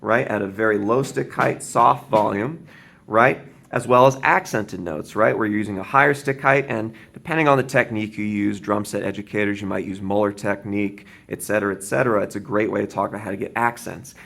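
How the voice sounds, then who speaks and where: A man teaching drums, explaining a beginner beat and counting aloud with a steady, patient manner, often checking in with "right?". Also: fairly low pitch, gravelly. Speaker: drum teacher. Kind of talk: instructional demonstration. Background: drum kit playing.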